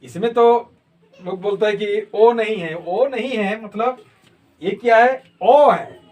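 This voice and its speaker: Slow high-voiced man teaching script. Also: darkish tone. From Jharkhand, India. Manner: slow, repeats sounds to demonstrate them. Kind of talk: explanatory lesson. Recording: voice from a distance.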